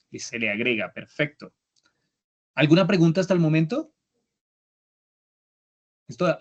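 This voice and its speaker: Man, young adult, instructor, patient, repeats steps, asks "listo", slightly raised pitch. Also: muffled recording. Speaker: English instructor. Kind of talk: online class explanation.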